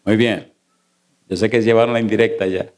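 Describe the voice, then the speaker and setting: Pastor, man, church sermon; emphatic, fires off rhetorical questions, slows for stress, then races. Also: lowish voice, steady tone, a little mellow. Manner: shifts between slow stressed phrases and rapid runs. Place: church sanctuary. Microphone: sermon recording.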